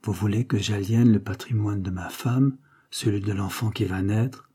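A man's voice: lowish voice, fairly even intonation, moderate pace, dark tone, husky. A man reading an audiobook, voicing a gloomy, resentful impostor duke who speaks in a bitter, defensive way. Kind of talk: audiobook character voice.

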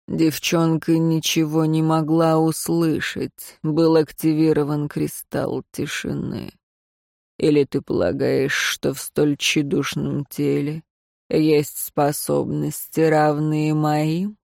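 A commanding masked lord speaks in a deep, unhurried, weary drawl, as a woman narrator puts him on. He sounds low and tired, with an air of cold authority. The sound is close and dry, like a studio audiobook. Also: completely flat delivery, creaky, darkish tone, dry recording, heavily acted.

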